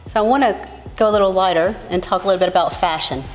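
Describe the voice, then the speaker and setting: A woman's voice: mid-range voice, fast talker, in a large hall. A woman interviewing a coach, asking questions in a friendly, chatty way.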